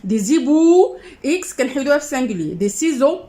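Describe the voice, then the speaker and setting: High-voiced Moroccan woman teaching a lesson. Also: sing-song, warm tone. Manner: patient, repeats each word then its rule, asks "c'est bon?"; switches into fast Moroccan Arabic asides. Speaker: primary school teacher. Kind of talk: classroom lesson correcting exercises.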